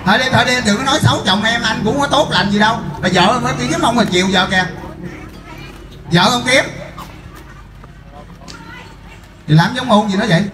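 A man playing a loud, jealous wife who wails and scolds while hunting down her drunk husband in a live comedy skit. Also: high voice, quick pace, roomy sound, natural voice. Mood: scolding. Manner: wailing, scolding, crying out to the crowd.

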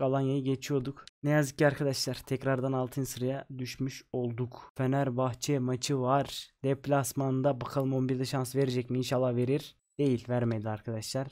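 A young man commentating on his football video game, recorded at home late at night and keeping his voice down. He is excitable, swinging from yelling at plays to glum muttering. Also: medium pitch. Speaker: gaming YouTuber.

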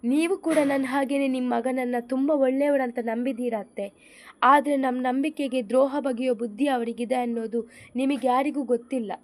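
A heartbroken young wife from a spoken love story, tearful and bitterly accusing, as a woman reads her part. Her voice sits high. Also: fairly even intonation, normal speed, a little mellow, lightly acted.

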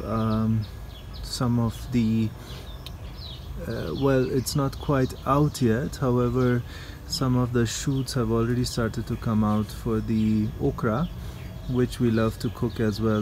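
Man narrating a walk through his garden outdoors, level and mellow, hesitant ums, soft bird ambience behind. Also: medium pitch, a little hiss or hum. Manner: relaxed, explanatory, with frequent um and uh. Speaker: home gardener giving a garden tour. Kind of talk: casual narrated garden tour.

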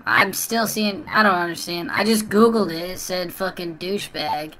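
A prank gaming video host uses a voice changer to play an obnoxious, crude little kid who trash-talks and taunts other players in online game chat. His voice is high-pitched, pushed and bright, with fairly even intonation and a normal pace.

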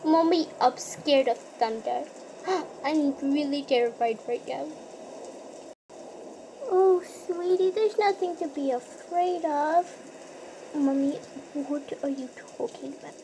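Young performer as a timid little boy creature, very high, slow and pleading, faint hiss. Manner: whimpering, pleading, calls out again and again. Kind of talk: toy-figure skit role-play.

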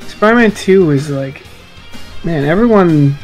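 A man with a slightly high, expressive voice chats at an easy pace on a group podcast, rambling loosely about video games and swearing along the way. He's one of the panelists in an online group voice chat, with guitar music playing in the background.

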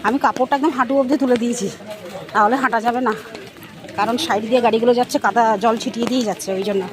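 A woman's voice: a little high, steady tone, very fast, a crowd in the background. A woman vlogger from India chatting casually to her viewers while walking wet streets and visiting a shop. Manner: chatty, addresses viewers as friends. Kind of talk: casual vlog narration.

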